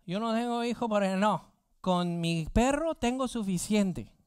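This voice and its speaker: A man mimicking a doting pet owner with a high, mocking gush. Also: a little slow, a little mellow, smooth, dry recording, clean studio sound.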